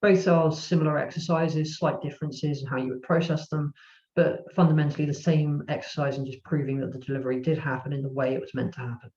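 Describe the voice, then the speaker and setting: A man explaining business topics step by step in a webinar, steady and methodical. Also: a little high, quick pace. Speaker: webinar presenter, strategist. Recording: echoey, dull call audio.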